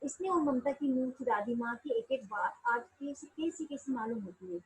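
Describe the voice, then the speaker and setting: A woman's voice: fairly high pitch, expressive, moderate pace, husky, rough recording. A woman teacher reading a textbook story aloud and retelling each part in simpler words for her students. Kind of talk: reading and explaining a textbook chapter.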